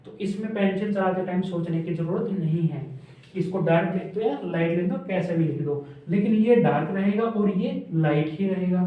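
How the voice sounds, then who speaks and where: A man teaching a shorthand class, repeating letters and quizzing his students as he draws strokes. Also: high voice. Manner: repeats drills and asks the class questions. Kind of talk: classroom lesson at a board. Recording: echoey room, distant phone-like mic.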